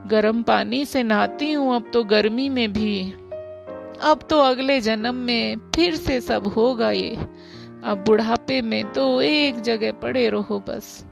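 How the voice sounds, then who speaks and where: A woman voicing an elderly grandmother in a spoken story, talking in a slow, drawn-out, quavering way. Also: fairly high pitch, vocal fry, music in the background, exaggerated voice. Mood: fond, wistful. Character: elderly grandmother with aching knees, fond and shy. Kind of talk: storybook voice acting.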